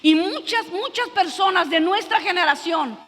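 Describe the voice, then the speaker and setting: A woman preaches from the front of a church, her voice sharp and bright. She tells her story in an earnest, halting way, often restarting her sentences. A long reverb from the hall trails after her words. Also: very high voice, expressive, faint music behind. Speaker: preacher giving testimony. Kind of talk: sermon testimony.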